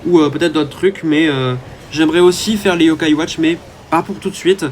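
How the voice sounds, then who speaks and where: A man with a slightly higher voice talks his way through a mobile strategy game, chatty and hesitant, filling pauses as he thinks aloud. Faint noise sits behind his voice. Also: fairly even intonation. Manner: chatty, hesitant, many "euh" fillers. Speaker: gaming YouTuber. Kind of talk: casual gameplay commentary.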